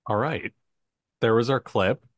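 A man's voice: medium pitch, measured pace, no room sound, clean studio sound. A man hosting a podcast guessing game in a casual, playful, self-mocking way. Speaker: podcast game show host.

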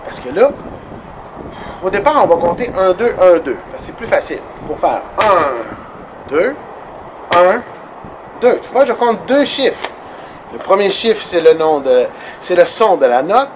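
A man's voice: sits high, sing-song, normal speed, background noise. A man teaching a children's music lesson outdoors, counting beats aloud as he bounces a ball.

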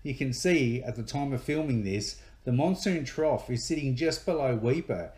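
A man's voice: medium pitch, normal speed, darkish tone, low-quality recording. A middle-aged Australian man who hosts a fishing show, explaining things plainly and matter-of-factly while standing in a kitchen. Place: kitchen indoors.

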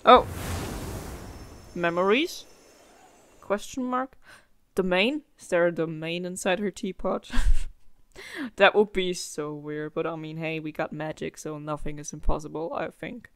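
A woman's voice: on the low side, unhurried, long pauses, dry recording. A young woman giving casual, reactive let's play commentary in a rambling way. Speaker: gaming let's player.

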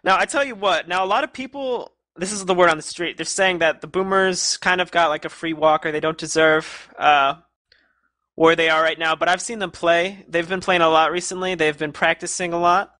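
A man's voice: a little high, moderate pace, bright, forceful tone, no room sound. A young man casting an online game match live, joking and bantering with his co-casters. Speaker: esports caster. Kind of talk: live esports commentary wrap-up.

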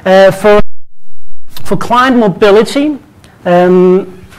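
This Danish presenter, onstage at a conference for a technical session, has a fairly high voice for a man that's clear and resonant, and he draws out his words. Speaking in his Danish accent, he stays informal, often repeats words, and adds light jokes. The recording is rough.

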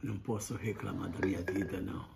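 A grandfather in his eighties with a Brazilian accent sits at a table in an indoor, kitchen-like room, casually reminiscing and sharing life lessons in halting, repetitive, plain words. His voice is deep and steady, and the room ambience is clearly noisy.

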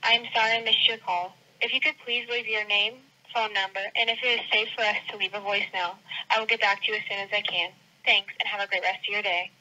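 A woman's recorded voicemail greeting heard over a telephone line, polite and clearly enunciated. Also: medium pitch, fairly even intonation, fast, few pauses, pushed and bright. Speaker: office phone greeting. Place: office phone system. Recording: muffled phone line from off-mic.

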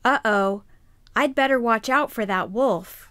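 A woman voicing a kind, timid little girl in a children's puppet show, sweet and deliberate. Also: a little high, a bit bright, no room sound, studio quality. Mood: nervous.

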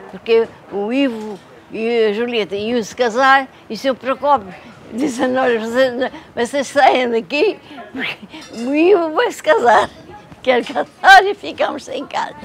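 An older woman telling an animated story in an interview, with halting restarts, recorded in an outdoor courtyard. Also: on the high side, creaky. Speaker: former resident. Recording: noisy outdoor ambience.

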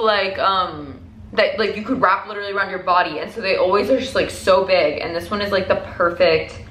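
A woman's voice: on the low side, fairly bright tone. A young woman chatting casually to camera as a lifestyle vlogger, rambling along and peppering her sentences with "like". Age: young adult. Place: indoors at home, mostly a living room or bedroom. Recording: echoey room with faint noise.

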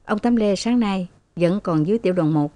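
A woman's voice: medium pitch, brisk, dark tone, no room sound, lightly acted. A woman narrator reading the dialogue of firm, reasoning male army officers in a storytelling manner. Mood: firm, persuasive. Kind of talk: novel dialogue read by narrator.

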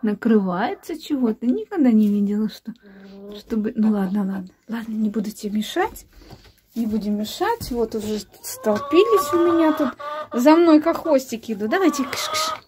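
A woman casually vlogging outdoors from her garden and chicken yard, unhurried and searching for words, cooing fondly at her hens. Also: fairly high pitch, animated, darkish tone, a little hiss or hum. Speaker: village vlogger. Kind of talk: casual walk-and-talk vlog.

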